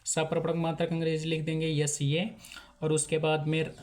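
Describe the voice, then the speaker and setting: Male teacher, slightly high voice, slow repetitive step-by-step delivery. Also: monotone, darkish tone. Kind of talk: handwriting lesson.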